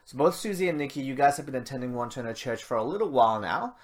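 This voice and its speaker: A man serving as pastor gives church notices before his sermon, then leads a prayer. He talks in a chatty, self-deprecating way, dropping in quick asides. He is speaking at a church service that is streamed live. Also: medium pitch, expressive. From Malaysia.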